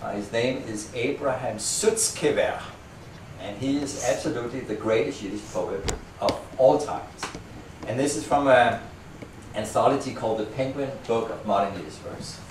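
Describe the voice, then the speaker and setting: A man's voice: mid-range voice, moderate pace, far from the mic. Man, Danish accent, loose rambling party introduction, picked up from across an echoey room, faint hiss. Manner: rambling, self-deprecating, many fillers and restarts. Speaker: musician introducing a poem reading. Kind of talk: informal spoken introduction at a party.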